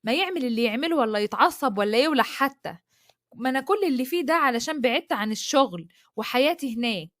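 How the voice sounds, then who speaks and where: Defiant young woman, read by a woman, sharp and sarcastic, quick. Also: fairly high pitch, animated, no room sound, clean studio sound.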